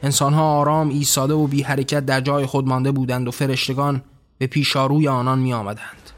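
A man reading a dramatic story aloud in a measured, solemn way. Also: medium pitch, flat delivery, faint music behind. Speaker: narrator.

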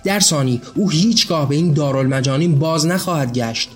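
A man voicing a cautious, skeptical male revolutionary who speaks in a measured way, in a read-aloud story. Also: a little high, close to an everyday voice. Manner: measured, objecting.

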